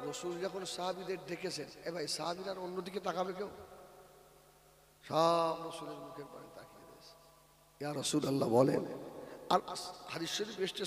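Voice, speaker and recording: Male waz preacher, very high voice, long loudspeaker reverb, storytelling that swells into slow chanting. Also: a little hiss or hum. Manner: shifts between low storytelling and loud slow sung chanting. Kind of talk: Bengali Islamic sermon, waz. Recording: echoey, reverberant loudspeaker sound.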